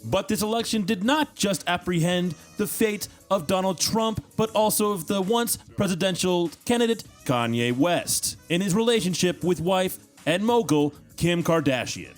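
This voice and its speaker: A man's voice: high-pitched, expressive, moderate pace, few pauses, soft background music, pitched above the performer's own voice. A man putting on a formal TV news anchor voice for a mock news segment. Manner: stiff, announcing delivery.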